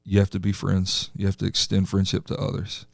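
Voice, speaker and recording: A man, a pastor hosting a casual podcast chat with halting restarts and easy laughs. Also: deep voice, completely flat delivery, vocal fry, no echo, studio quality.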